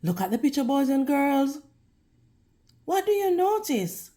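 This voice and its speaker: A woman's voice: sits high, big pitch swings, a little slow, mellow. A woman reading a storybook aloud to young children in a teacherly manner, prompting her listeners with questions.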